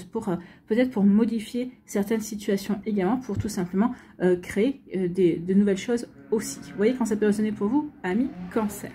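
Woman, tarot reader, warm tone, breathy, rambling and repetitive. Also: medium pitch. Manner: chatty, repetitive, many fillers and restarts. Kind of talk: weekly astrology card reading.

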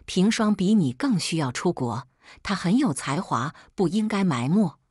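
A cold, aloof young man with a clipped, cutting way of speaking, as a woman narrator reads him in a spoken story. The voice sits fairly low and sounds a little husky. The sound is dry and close. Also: animated, normal speed, a little mellow, no echo.

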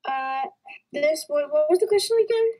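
A woman's voice: high voice, animated, normal speed, mellow. A woman playing contestant in a pretend game show, impatiently interrupting and pushing the host to repeat.

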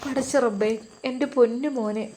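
A woman's voice: fairly high pitch, steady tone, moderate pace, warm tone, slight background noise, natural voice. A woman voicing an elderly mother, weeping and pleading for her son in an audio story. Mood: wailing. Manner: wailing, pleading.

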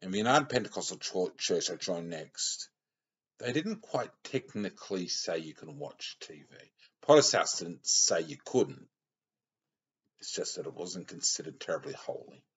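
Speaking at a normal speed with lively intonation, this deep-voiced, slightly rough middle-aged man from Australia preaches as a layman into a webcam held close in a small room. His sermon rambles and stays plainspoken, and he frequently stops to correct himself. The sound quality is lo-fi and dull.

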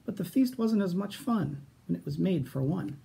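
A middle-aged American man reads a children's story. His pitch moves up and down with plenty of animation, and he narrates expressively, as a storytime reader would. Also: lively intonation, moderate pace, vocal fry, mellow. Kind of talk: expressive children's picture-book reading. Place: small room at home, indoors.

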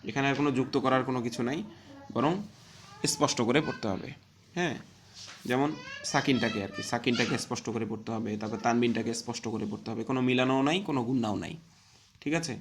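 A man teaching an online Quran recitation lesson, explaining the rules step by step, answering his own questions and spelling out letters before reciting words slowly. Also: mid-range voice, fairly even intonation, a little hiss or hum.

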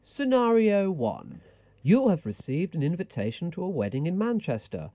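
A man's voice: on the high side, wildly swooping pitch, normal speed, no echo, highs cut off. A man playing a bossy, exasperated language-tape instructor in scripted comedy narration. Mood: mock-solemn.

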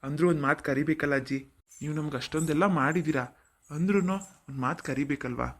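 Someone doing a polite young village guy, quick talker. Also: mid-range voice, fairly even intonation, lightly acted. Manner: polite, respectful. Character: soft-spoken polite young village man. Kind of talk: cartoon voice acting.

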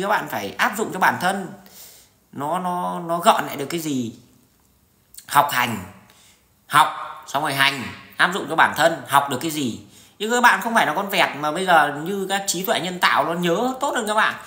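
A man's voice: high-pitched, sharp tone. A middle-aged man, talking to his viewers in a blunt, coarse, rambling monologue full of restarts and swearing. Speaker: vlogger. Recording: roomy echo.

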